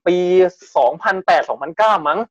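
A man's voice: a little high, animated, moderate pace, fairly bright tone, slightly rough, dry recording, dull audio. A man casually retelling a strange news story on a podcast, chatty and full of restarts. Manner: chatty, restarts often, acts out quotes.

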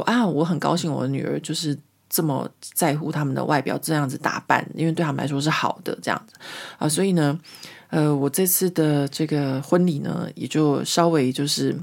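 Podcast host, woman in her 40s, low voice, rambling casual storytelling. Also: a little fast, gravelly. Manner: chatty, rambling storyteller, many fillers. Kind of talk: casual chat monologue.

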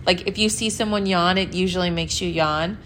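Female podcast host, lower-pitched, sleepy and rambling, casual solo chat, faint background ambience. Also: steady tone, brisk, a bit bright, slight background noise. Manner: rambling, chatty, with laughs and fillers. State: sleepy, yawning. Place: New York.

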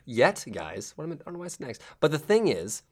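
A man hosting a casual comedy podcast, playful and quick to laugh. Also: fairly high pitch, wildly swooping pitch. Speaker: podcast host.

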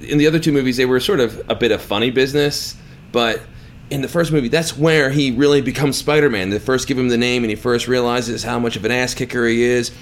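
A man co-hosting a podcast, giving opinionated, animated commentary in casual film chat. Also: mid-range voice, fast. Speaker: podcast co-host.

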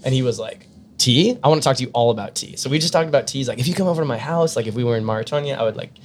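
A man in relaxed conversation, spinning long anecdotes one after another. He wanders through his stories with lots of "like" and "you know," restarting sentences as he goes, at a middle pitch for a man. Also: rapid-fire, slight background noise. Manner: rambling storyteller, lots of fillers and restarts. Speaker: podcast regular telling travel stories. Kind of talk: casual chat.

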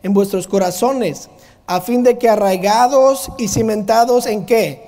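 A man's voice: high voice, a little slow, warm tone. Man preaching in a reverberant hall. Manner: asks rhetorical questions, emphatic preaching. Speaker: pastor. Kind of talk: sermon.

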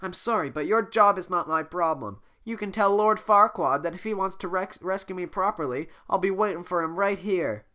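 A haughty, demanding young princess, voiced by a reader with a cold in an amateur script reading. Pitch well above the reader's own, with a bright, pushy edge. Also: moderate pace, few pauses, natural voice. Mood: indignant. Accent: slips into a Scottish lilt. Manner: high, sharp and insistent. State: sick, hoarse throat.

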